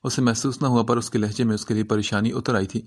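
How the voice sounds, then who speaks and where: A man reading an Urdu romance novel aloud as narrator, in an even storytelling manner. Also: mid-range voice.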